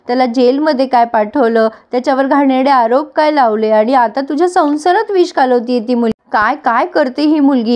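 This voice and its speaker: Woman doing an older aunt, apologetic, guilt-ridden, tearful, fairly high voice. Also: darkish tone, lightly acted.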